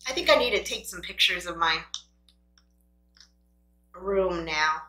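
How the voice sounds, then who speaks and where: A woman's voice: on the low side, animated, a little slow, sharp tone. A woman vlogger chatting casually and playfully to camera as she eats, talking between bites with little mm sounds. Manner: talks between bites with small appreciative mm sounds; playful self-talk, grumbling at the food. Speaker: mukbang vlogger. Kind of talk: casual chat to camera while eating. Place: room at home. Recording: roomy, echoing indoor sound.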